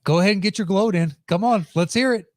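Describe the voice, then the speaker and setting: Dry-sounding male sports host, slightly high voice. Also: fast talker, darkish tone, no echo. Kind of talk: casual sports commentary.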